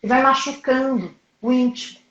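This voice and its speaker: A woman's voice: sits high, fairly even intonation, normal speed, a bit bright. Woman psychologist guest, earnest explainer, recorded in a roomy space with a muffled, lo-fi sound. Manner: earnest, repeats phrases for emphasis. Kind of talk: explanatory interview talk.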